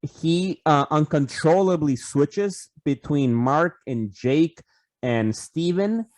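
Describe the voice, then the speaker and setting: A man's voice: a little high, lively intonation, slow, darkish tone, no room sound. A man co-hosting a casual podcast over a video call, rambling with lots of restarts, fillers and swearing. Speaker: podcast co-host.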